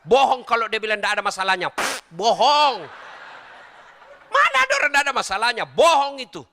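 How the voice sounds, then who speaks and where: Middle-aged preacher guy, high bright voice, jokes with the crowd. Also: racing, long reverb tail, slight background noise. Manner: jokey, animated, addresses listeners directly. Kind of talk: comedic sermon to a live audience.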